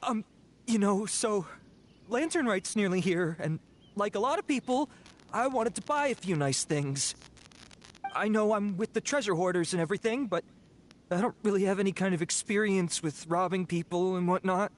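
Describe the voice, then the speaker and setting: A man's voice: sits high, animated, moderate pace, slight background noise. A man voicing a cowardly small-time bandit in a video game, by turns blustering and sheepish. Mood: sheepish, pleading. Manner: hesitant, stammering, self-justifying.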